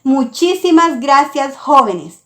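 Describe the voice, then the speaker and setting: A woman teaching a lesson, reading out a scripted explanation in a careful, deliberate way. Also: high-pitched, big pitch swings, a bit bright. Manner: slow, careful, deliberate delivery.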